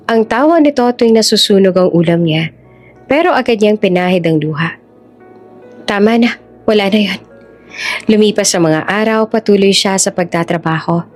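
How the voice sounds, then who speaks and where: Female storyteller, even and measured, scripted narration, mid-pitched, faint music bed.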